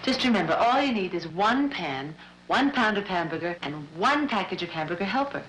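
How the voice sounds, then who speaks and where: Practical, kindly TV-ad mother played by a woman, mid pitch, roomy echo. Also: animated, normal speed, a bit bright, a little hiss or hum, lightly acted. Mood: helpful. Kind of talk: scripted TV ad dialogue.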